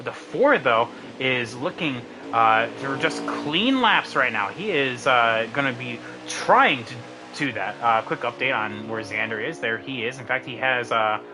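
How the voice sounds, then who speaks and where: A man's voice: medium pitch, measured pace, music in the background. A young man with a sick voice giving casual, filler-heavy live commentary on an online sim race. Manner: casual, many fillers, excited at race finish.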